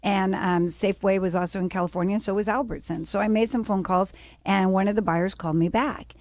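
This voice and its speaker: Animated middle-aged woman telling her story. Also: a little fast, no room sound, studio quality. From United States. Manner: animated storyteller, acts out quotes with raised pitch. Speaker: guest, business founder. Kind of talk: casual interview storytelling.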